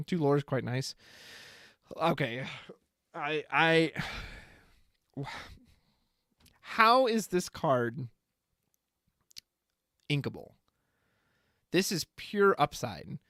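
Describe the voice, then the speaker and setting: A man streams live, casually thinking aloud while he reads trading card spoilers and comments from chat. His voice is medium in pitch and a bit bright, and the studio sound is clean with no echo.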